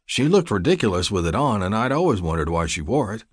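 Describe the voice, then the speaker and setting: Audiobook reader, male, lowish voice, dry close mic, steady gritty first-person storytelling. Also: fast, slightly rough, no echo. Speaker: audiobook narrator. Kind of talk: scripted first-person narration.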